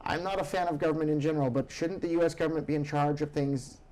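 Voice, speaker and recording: A man hosting a chatty news show, voice pitched slightly high. He talks in an animated, opinionated way, pressing his points and drifting into rants. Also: fast talker. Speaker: show host. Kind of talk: casual news chat.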